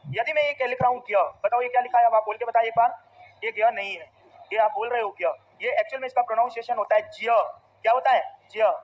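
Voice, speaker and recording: A man's voice: very high voice, fairly even intonation, racing. A male teacher with a Rajasthani Hindi accent, giving a classroom grammar lesson, repeating points and answering his own questions. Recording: dull lo-fi recording.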